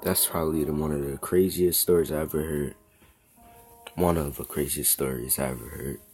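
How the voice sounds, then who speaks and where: A man's voice: a bass voice, fairly even intonation, normal speed, a little mellow, faint music behind. A man hosting a reaction video, making laid-back, offhand comments.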